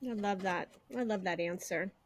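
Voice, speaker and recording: A woman's voice: medium pitch, normal speed. A woman hosting a podcast interview, asking questions and affirming the answers. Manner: encouraging, affirming. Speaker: podcast host.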